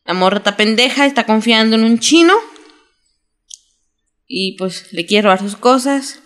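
A young adult woman with a Mexican Spanish accent, recapping a TV drama in casual, slangy, animated chat as a podcast co-host. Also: a little high, normal speed. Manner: slangy, animated storytelling with quoted voices.

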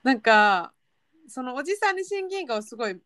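A woman's voice: normal speed, no echo. Chatty Kansai-accented woman, dry close sound. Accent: Kansai Japanese. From Kansai, Japan. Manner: animated, acts out quoted lines in a high voice. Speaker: podcast co-host. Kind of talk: casual chat.

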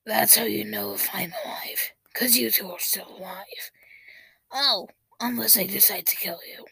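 A woman's voice: medium pitch, normal speed, creaky, sharp tone, husky, no echo, heavily acted. A woman voicing a scratchy, whispering villain who plots to take over the podcast, talking in a menacing, smug way.

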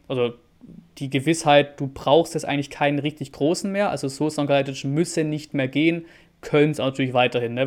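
A man hosting a football chat in an even, level voice with little rise and fall. He keeps it conversational and puts questions to his guest. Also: mid-range voice. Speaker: host. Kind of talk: casual football talk.

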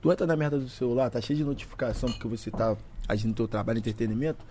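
Rapid-fire Rio man talking street slang. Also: mid-range voice, fairly even intonation, mellow, a little hiss or hum. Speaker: music artist, guest. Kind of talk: casual podcast chat.

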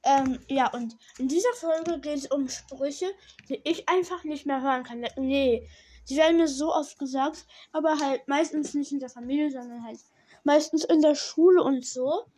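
A woman's voice: sits high, normal speed, a little mellow. A young teenage girl hosting a casual solo podcast, rambling in slangy, self-correcting speech slightly slurred by her braces. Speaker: podcast host.

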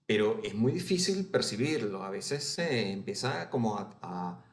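In an echoey room, a Venezuelan author whose accent carries some Argentine flavor responds to an interviewer a little slowly, pausing often and tacking on tag questions. His voice is lowish, with big swings in pitch, and his answers are considered.

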